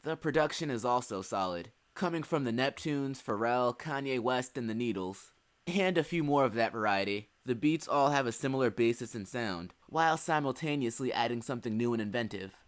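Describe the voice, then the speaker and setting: A young man reviews an album on his own video with faint music underneath. He talks fairly quickly in a medium-pitched voice with lively intonation. His script is earnest, though he slips in dry asides.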